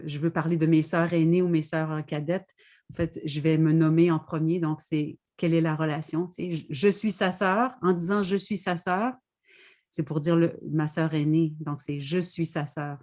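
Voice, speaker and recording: A woman's voice: low voice, a little mellow. A woman on a webinar panel, explaining her language thoughtfully, with frequent restarts. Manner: thoughtful, halting, explains slowly with many restarts. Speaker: guest poet and author.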